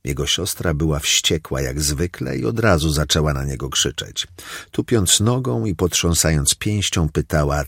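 A man reading a children's audiobook aloud in expressive, scripted narration. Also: extremely low pitch, breathy edge, no room sound, studio quality. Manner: expressive storytelling. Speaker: audiobook reader.

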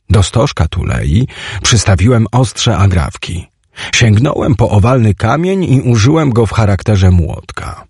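A man narrates a first-person story in a vivid, expressive audiobook read. His voice is gravelly and a little husky, with a lively, wide-ranging pitch, recorded close and dry in a booth. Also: dry recording.

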